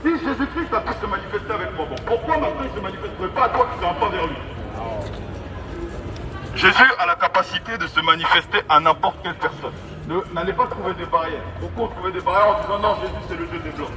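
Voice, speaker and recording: Through a megaphone on a city street, a man with a high voice preaches an evangelistic sermon at a fast clip, emphatic, repetitive and exhorting. The recording is distant and noisy, with street traffic in the background.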